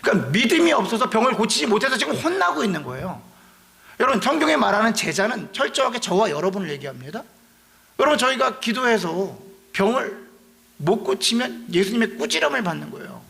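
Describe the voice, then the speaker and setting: A man's voice: high voice, big pitch swings, a little fast, gravelly, sharp tone. A man preaching a sermon as pastor, explaining scripture in a conversational way with rhetorical questions.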